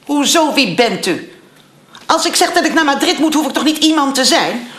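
A haughty bossy lady boss, high and sing-songy, roomy set. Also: lively intonation, moderate pace, fairly bright tone. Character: vain, bossy female director. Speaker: sitcom character. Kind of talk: sitcom acting.

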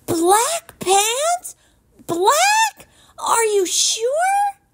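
A woman voicing a stubborn, excitable young boy who bursts out in high cries and shouts in a read-aloud storybook. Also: extremely slow, very noisy, exaggerated voice. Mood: distraught.

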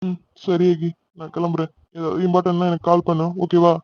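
A man's voice: high voice, monotone, fairly quick, dry recording, highs cut off, lightly acted. A man voicing a remorseful young husband in a cartoon, apologetic and pleading. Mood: regretful.

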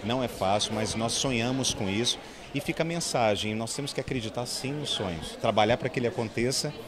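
Film producer over crowd noise. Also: male voice, medium pitch, a little fast. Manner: steady, promotional speech. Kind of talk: interview answers.

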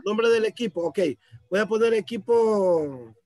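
A man's voice: sits high, measured pace, a little mellow, no room sound. A man teaching a course over a video call, explaining patiently step by step. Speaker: course instructor.

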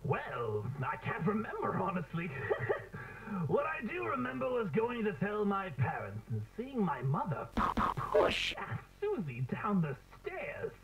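A man's voice: sits high, huge pitch swings, a little slow, exaggerated voice. An actor playing a theatrical, mocking, menacing clown villain who drawls his lines in an analog horror drama. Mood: darkly playful. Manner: drawling, theatrical, with cackling laughter. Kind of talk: scripted analog horror acting. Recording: tinny, noisy degraded tape.

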